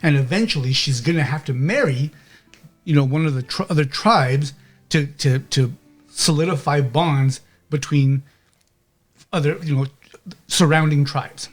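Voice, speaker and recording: A man's voice: fairly high pitch, a little slow, soft background music. A man narrating a tabletop game as game master, rambling and checking in with "okay?".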